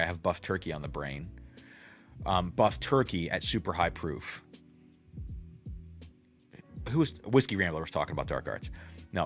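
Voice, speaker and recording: A man's voice: deep voice, fairly bright tone. A man in his thirties hosting a casual livestream tasting, thinking aloud and reacting to chat. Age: 30s. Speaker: host.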